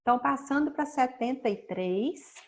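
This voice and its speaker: Woman teacher, slightly high voice, patient and slow, draws out words to show stress. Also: animated. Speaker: schoolteacher. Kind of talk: recorded remote class lesson.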